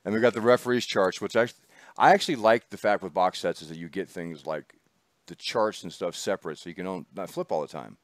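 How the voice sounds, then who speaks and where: In a small studio with no echo, a deep-voiced man hosts a casual chat show, talking fast. He's chatty and rambling and laughs often as he goes.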